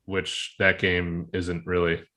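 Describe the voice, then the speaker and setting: A man's voice: deep voice, completely flat delivery, slow pace, sharp tone. A man co-hosting a gaming podcast, easygoing and teasing as he steers the chat. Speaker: podcast co-host.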